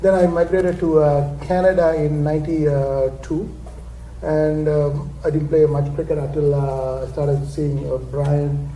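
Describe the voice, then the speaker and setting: A man, speaking plainly and haltingly at a press conference and clearing his throat often. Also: fairly high pitch, little pitch movement, warm tone. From Sri Lanka. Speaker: senior cricketer. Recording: echoey room with faint background noise.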